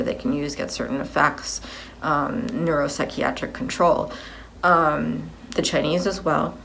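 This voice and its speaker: A woman's voice: deep voice, vocal fry, fairly bright tone, a little hiss or hum. A woman in her fifties giving a personal video update, rambling as she repeats and corrects herself. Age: 50s.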